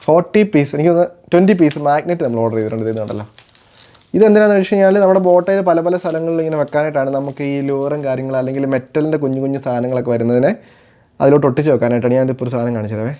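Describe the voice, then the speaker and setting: A man's voice: medium pitch, racing, dark tone, lo-fi sound. A father chatting casually while unboxing parcels, explaining each item and playing with his little daughter. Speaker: father and family vlogger.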